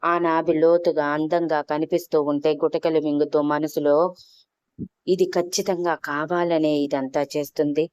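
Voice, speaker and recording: A woman's voice: deep voice, level tone, normal speed, a little mellow, smooth, no room sound. A woman reading a romance story aloud as narrator, giving the characters' lines with light changes of tone.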